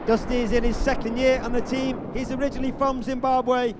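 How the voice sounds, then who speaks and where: A man's voice: extremely high pitch, flat delivery, brisk. A man giving airshow commentary in an announcer's style, building up each manoeuvre for the spectators. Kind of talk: airshow commentary over a public address. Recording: faint noise outdoors at an airshow.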